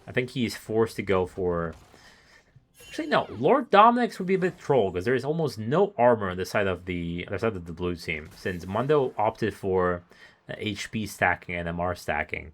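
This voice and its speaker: A man's voice: lowish voice, big pitch swings, moderate pace. A man doing live solo esports commentary, analytical and musing, chuckling between thoughts, his voice wearing thin. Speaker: esports caster.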